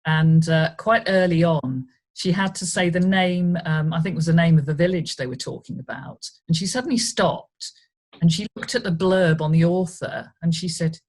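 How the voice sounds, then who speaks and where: A woman's voice: on the low side, moderate pace, a little mellow. An older woman, a guest on a video call, recalling her amateur acting days in a reflective, storytelling way. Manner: reflective storytelling, light laughs. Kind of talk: casual interview.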